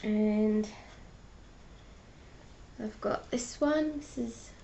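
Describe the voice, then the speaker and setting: Stuffed up from a cold, a woman artist runs her own live stream, showing her paintings and talking about them in a relaxed way. Her medium-pitched voice is very slow, creaky, and dark, with a little hiss or hum in the recording.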